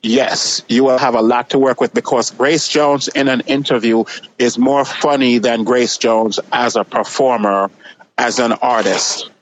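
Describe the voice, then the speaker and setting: Man, Jamaican accent, medium pitch, casual opinionated talk, assertive, emphatic repetition. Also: fairly even intonation, measured pace, poor audio. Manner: emphatic, assertive, repeats phrases for effect.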